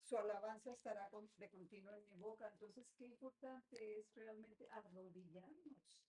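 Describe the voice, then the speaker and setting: A woman's voice: mid-range voice, normal speed, mellow, a little hiss or hum, low-quality recording. A woman taking part in a Bible study, sharing a personal reflection in an earnest, casual way. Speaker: course participant.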